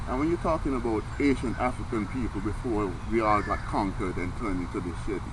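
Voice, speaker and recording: A man's voice: lowish voice, a little fast. A man giving a casual, rambling monologue in earnest, preaching Rasta speech, often stammering and repeating words several times. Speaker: vlogger. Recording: noisy, outdoor traffic ambience.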